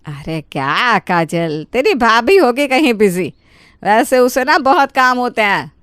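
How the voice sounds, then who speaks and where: A woman's voice: a little high, very animated, unhurried, fairly bright tone, smooth, dry recording, studio quality. A woman voicing a middle-aged mother-in-law in a cartoon story, bossy and scolding. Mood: mild. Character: middle-aged mother-in-law, easily swayed, sharp-tongued. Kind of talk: Hindi cartoon voice acting.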